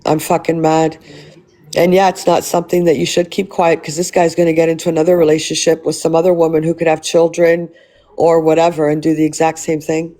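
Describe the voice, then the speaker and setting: A woman's voice: low voice, little pitch movement, a little fast, warm tone. A woman hosting a livestream, ranting angrily and with lots of swearing, often repeating and restarting her words. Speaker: livestream host. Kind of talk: angry live-stream rant.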